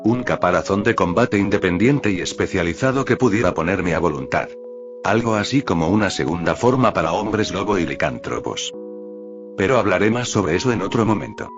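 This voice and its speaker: A man calmly reading a first-person fan fiction story aloud as narrator. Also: sits low. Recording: dull lo-fi audio with faint music.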